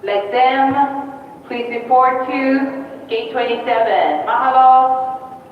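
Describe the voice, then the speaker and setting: A woman's voice: high-pitched, takes it slowly, phone-quality sound. Female gate announcer for an airport intercom boarding call: heard from far off, long hall reverb. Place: airport terminal loudspeaker, heard from afar. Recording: echoey distant PA, faint noise.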